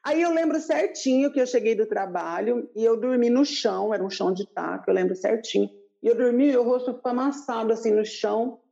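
A woman recounting her own story in an interview, animated and lively, jumping up in pitch whenever she acts out what someone said. Her voice is gravelly and mellow, and the recording sounds dull and lo-fi. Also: fairly quick. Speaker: guest telling her life story.

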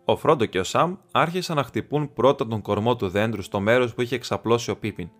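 A man from Greece narrates an audiobook at a steady, measured pace. His voice sits at an ordinary male pitch. Soft music runs faintly beneath the reading. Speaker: audiobook reader.

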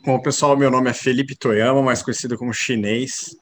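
A man, a company co-founder talking casually as an interview guest, relaxed and rambling with many fillers. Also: mid-range voice, moderate pace, slight background noise. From interior of São Paulo state, Brazil.

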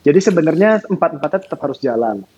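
A man's voice: on the high side, animated, fast, warm tone. A man, a producer guest on a podcast, explaining things in a lecturing way in casual chat. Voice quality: husky. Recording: dull lo-fi sound.

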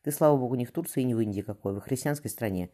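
A man voicing Marfa, a stern, practical young noblewoman and mother who talks dryly and briskly. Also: medium pitch, warm tone, natural voice. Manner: dry, brisk.

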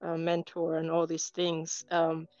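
Woman guest from Cameroon, lowish voice, earnest and composed, dull dry recording. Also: monotone, a little slow, a little mellow, no room sound. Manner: earnest, composed, speaks in lists. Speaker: guest, engineer and academic coach. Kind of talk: interview answers.

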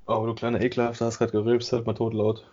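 A man's voice: mid-range voice, monotone, quick pace, warm tone. Young man, casual reactive co-host, slightly dull internet-call audio. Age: young adult. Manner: slangy, reactive. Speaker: podcast co-host. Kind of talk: casual chat.

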